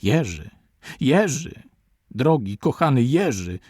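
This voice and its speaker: A man's voice: medium pitch, sing-song, measured pace, a little mellow, no echo, clean studio sound. A man reading aloud and voicing a devoted young male adventurer in an audiobook. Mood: frantic.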